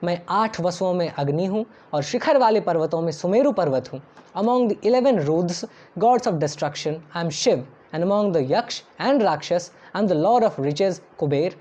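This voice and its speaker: एक महिला जो धार्मिक श्लोकों को गाकर पढ़ती है और फिर उनका अर्थ शांत, नपे-तुले ढंग से पढ़कर सुनाती है।. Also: female voice, fairly low pitch, animated, takes it slowly, mellow. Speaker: scripture reciter and translator. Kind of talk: chanted verse recitation with read translation. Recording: dull lo-fi recording over faint instrumental music.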